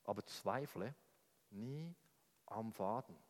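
A man voicing a wise, gentle old grandmother in a retold story, speaking calmly and reassuringly. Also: lowish voice, slow pace. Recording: long hall reverb.

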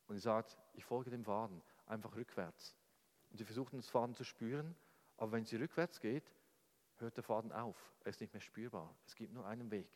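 A man giving a sermon, retelling a story in a soft storytelling manner and often repeating words. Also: mid-range voice. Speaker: preacher. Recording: long hall reverb.

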